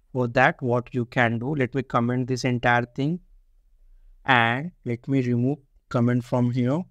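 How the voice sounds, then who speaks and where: This is a man teaching code in a screen-recorded lesson, his medium-pitched voice captured dead dry on a close mic with no room sound. As a programming tutor he walks through each step, repeating himself and leaning on the words "see" and "only."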